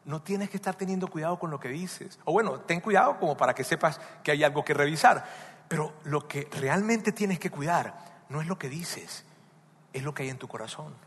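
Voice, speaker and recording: A man voicing a gentle, patient male teacher who corrects softly and calmly. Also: a little high, normal speed, slightly rough, full character voice. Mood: gently correcting. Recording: long reverb of a large hall.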